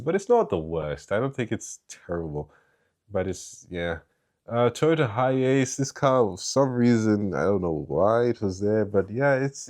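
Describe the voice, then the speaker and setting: A man's voice: on the low side, darkish tone. A young man from East Africa giving a casual, rambling tier-list review of family cars, with many fillers and restarts. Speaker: car reviewer.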